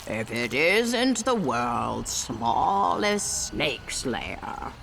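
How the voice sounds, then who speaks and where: An actor voicing a grumpy, scornful toad of the frog folk in a story, with a slow, pompous croak. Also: male voice, medium pitch, sing-song, heavy background noise, exaggerated voice. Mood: scoffing. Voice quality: croaky, gravelly. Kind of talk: scripted audio storybook acting.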